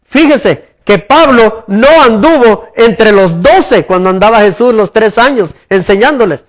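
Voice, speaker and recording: High-voiced preaching pastor. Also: male voice, lively intonation, a little slow. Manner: preaching with rhetorical questions to the congregation, repeating words as he goes. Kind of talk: sermon. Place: church.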